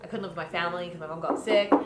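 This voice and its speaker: A woman's voice: on the low side, fairly even intonation, racing. A woman in her twenties co-hosting a casual chat at home, cheeky and self-mocking. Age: 20s. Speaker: co-host. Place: home, in a pillow fort indoors. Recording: echoey room with background music.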